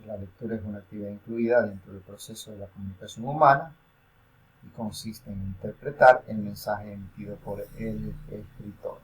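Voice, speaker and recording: Low-voiced man giving a lecture. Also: fairly even intonation, normal speed, rough recording. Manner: explanatory, with frequent fillers and self-corrections. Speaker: university lecturer. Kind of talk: recorded academic lecture.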